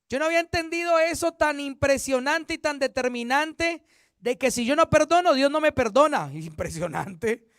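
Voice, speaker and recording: A man's voice: very high voice, fairly bright tone, smooth, no echo, clean studio sound. A man, a pastor, teaching a Bible study in an earnest, repetitive way, often correcting himself mid-sentence.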